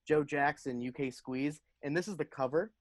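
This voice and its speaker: A man's voice: a little high, moderate pace, dry recording. Laid-back man listing old records. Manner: relaxed, rambling, lists album titles. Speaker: podcast co-host. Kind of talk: casual chat about vinyl records.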